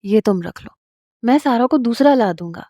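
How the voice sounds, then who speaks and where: A woman voicing a young husband in a spoken story, brisk and reassuring. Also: fairly high pitch, animated, warm tone, no room sound. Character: young husband, easygoing, decisive.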